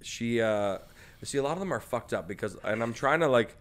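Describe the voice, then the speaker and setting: A man chatting casually on a podcast as a comedian guest, his stories loose and profane and packed with filler words. His pitch sits in an ordinary middle range, and he leans into animated character impressions as he tells them. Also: brisk. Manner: profane, rambling storytelling with many fillers; slips into animated impressions and laughs mid-story.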